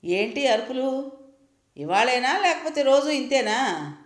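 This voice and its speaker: A woman voicing a sharp-tongued young mother who scolds and accuses her mother-in-law in a storybook reading. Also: medium pitch, animated, normal speed, reverberant, close to an everyday voice. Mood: scolding.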